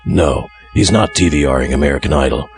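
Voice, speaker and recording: A man's voice: a bass voice, a little fast, over music. A man playing a grave tipster passing on ominous news in a comedy audio drama. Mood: urgent, ominous. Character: very deep-voiced, grave tipster relaying terrible news.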